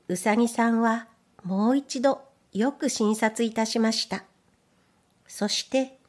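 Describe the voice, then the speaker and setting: A woman reads children's stories aloud. Her voice is slightly high and gentle, and she takes her time over each line. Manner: gentle, careful, measured. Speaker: reader and voice trainer. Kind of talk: storybook narration.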